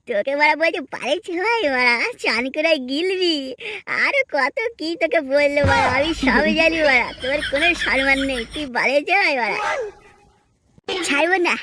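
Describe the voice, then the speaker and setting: Squeaky, crude cartoon lad. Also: male voice, lively intonation, normal speed, very noisy. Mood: indignant. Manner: foul-mouthed, blustering. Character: crude, hot-headed, drunken young village man, boastful. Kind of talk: comic cartoon voice acting.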